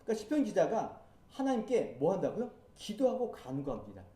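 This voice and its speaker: A man's voice: high-pitched, wildly swooping pitch, fairly quick, dark tone, echoey room, far from the mic. A man pastor preaching a sermon in a conversational way, asking his listeners rhetorical questions. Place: church sanctuary.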